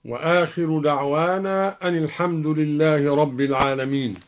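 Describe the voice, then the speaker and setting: A man teaching Quran recitation, explaining each reading and then chanting the verse slowly and drawn out. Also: on the high side, steady tone. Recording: dull lo-fi recording.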